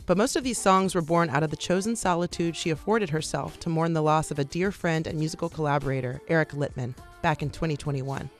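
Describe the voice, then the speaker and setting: A woman's voice: low-pitched, fast talker, few pauses. Woman radio host narrating over faint music.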